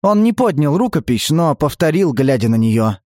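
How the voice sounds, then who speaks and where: A man narrating an audiobook in a measured, even reading voice. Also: fairly high pitch, no echo, clean studio sound. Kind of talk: scripted narration.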